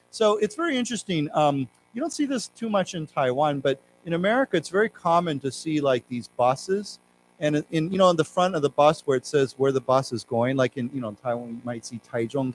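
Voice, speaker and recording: A man teaching an English class, who reads news passages aloud slowly, then explains the words and spells them out letter by letter. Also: a little high, slight background noise, low-quality recording. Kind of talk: classroom lecture on news vocabulary. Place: library lecture room.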